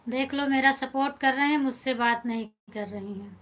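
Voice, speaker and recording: A fairly high-voiced woman with an Awadhi accent hosts a casual live stream. She talks in a chatty, friendly way, reading viewers' comments aloud and teasing them as she answers. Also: moderate pace, a bit bright.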